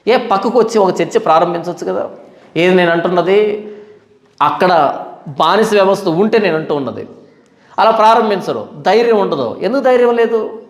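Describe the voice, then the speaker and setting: A man's voice: high voice, expressive, normal speed, long pauses. A male pastor preaching a sermon in colloquial style, asking questions and answering them himself. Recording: echoey hall reverb.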